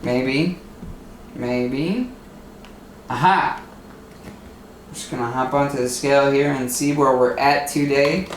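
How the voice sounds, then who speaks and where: A man's voice: mid-range voice, flat delivery, brisk, roomy sound, a little hiss or hum. A young man vlogging casually from his home kitchen, talking in a rambling, easygoing way full of fillers. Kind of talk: casual vlog chat.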